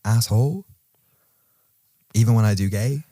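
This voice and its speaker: In a laid-back podcast conversation, a man with a low voice and an Edinburgh Scottish accent trades dry, teasing humor for careful reflection when he explains things. His sound is close-miked and dry, carrying no room sound at all.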